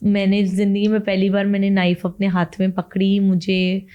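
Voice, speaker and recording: A woman's voice: medium pitch, completely flat delivery, normal speed, muffled recording. Emotional young woman telling her story. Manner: emotional storytelling, mixes Hindi with English phrases. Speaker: interview guest. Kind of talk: casual interview talk.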